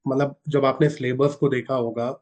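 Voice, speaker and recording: A man's voice: mid-range voice, little pitch movement, normal speed, a little mellow. Polite man hosting an interview. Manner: polite, encouraging, short affirmations. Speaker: interview host, exam mentor.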